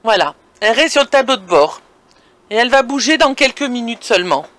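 Talking fairly quickly with lively intonation, a woman with a somewhat high, slightly bright voice chats directly to viewers while vlogging. She is in a camper van that may be moving or parked, with vehicle engine and road noise audible.

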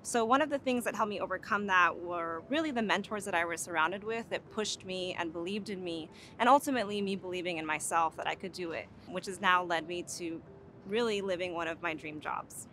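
Bright-voiced young woman, outdoor testimonial. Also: on the low side, fairly quick, a little hiss or hum. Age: young adult. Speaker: PhD student. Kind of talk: interview testimonial. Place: outdoors on campus.

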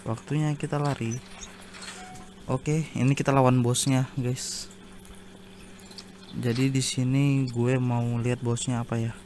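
A man's voice: mid-range voice, little pitch movement, a little slow, pauses often, a little mellow, a little hiss or hum. A man giving casual commentary while he plays a zombie survival game, chatting to viewers and exclaiming at jump scares. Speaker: gaming YouTuber.

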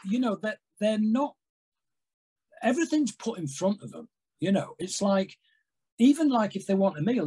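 A man in his sixties from England, a music industry guest telling stories in a rambling, animated way on a video call from home. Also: sits high, breathy edge, low-quality recording. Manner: animated, rambling storyteller with big hand gestures. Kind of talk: casual interview chat. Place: home room with framed records on wall.

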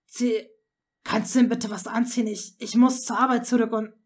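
A woman voicing an arrogant young pure-blood wizard, sullen and halting, in a lowered, subdued voice. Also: level tone, darkish tone, natural voice. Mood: flustered.

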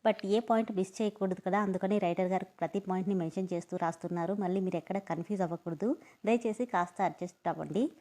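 A woman's voice: medium pitch, quick pace, mellow. A woman narrating audio stories, talking chattily and apologetically to her listeners before reading an episode. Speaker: story narrator.

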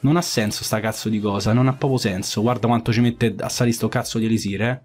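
A man's voice: mid-range voice, fairly even intonation, fast, darkish tone, faint music behind. A man commenting on his own mobile game match, swearing often and repeating phrases in frustration. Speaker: gaming YouTuber. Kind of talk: live gameplay commentary.

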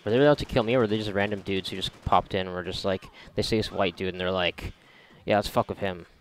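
This gamer talks fast in a low voice with fairly even intonation, keeping up a loose, crude, sarcastic running commentary. Game music and sounds play behind him.

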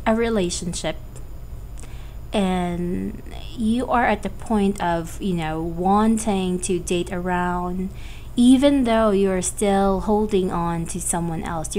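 Female tarot reader, slow and hesitant, cracking voice from a cold, faint background noise. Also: medium pitch, rough recording. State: has a cold. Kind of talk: casual monthly tarot forecast.

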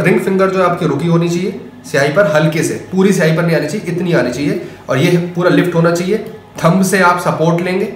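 A man's voice: sits high, a little hiss or hum. A man teaching tabla in a casual lesson, speaking the drum syllables aloud as he plays them. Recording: echoey room with loud tabla.

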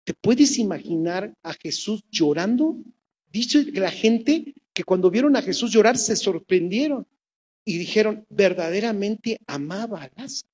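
Brief: Mexican woman preaching, animated storyteller, direct questions to the listeners, mid-range voice. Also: mid-range voice, unhurried, breathy edge, muffled recording. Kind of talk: sermon.

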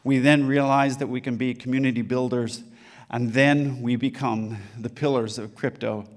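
A man's voice: medium pitch, steady tone, normal speed. Older man, conference speaker, handheld mic, loose filler-heavy delivery, big room stage talk.

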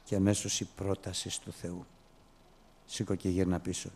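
A man preaching a sermon, telling the story with lively, acted-out storytelling. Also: low voice, slightly rough. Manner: animated storytelling, acting out biblical characters with raised, excited voice.

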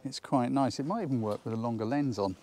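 A man's voice: mid-range voice, fast talker, darkish tone. A man giving an enthusiastic, chatty photography lesson outdoors on a countryside hillside, thinking aloud as he works. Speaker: photography tutor. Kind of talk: instructional outdoor vlog.

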